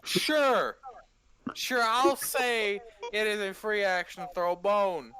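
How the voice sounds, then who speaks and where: A man's voice: sits high, slow pace, sharp tone. A man running a tabletop game as game master, narrating off the cuff in a casual, chatty way.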